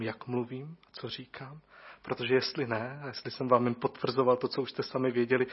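A man preaching in a church with a husky, breathy voice, earnest and reflective, rising to emphatic lines and then dropping almost to a murmur. The recording is muffled and a little dull. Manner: earnest, reflective, shifting from raised emphasis to soft low passages. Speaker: pastor. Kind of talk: farewell sermon.

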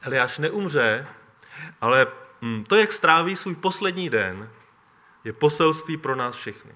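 A man reading a Bible story aloud and reflecting on it as a teacher, in a measured storytelling manner. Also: a little high, big pitch swings, pushed and bright. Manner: measured storytelling with occasional throat clearing.

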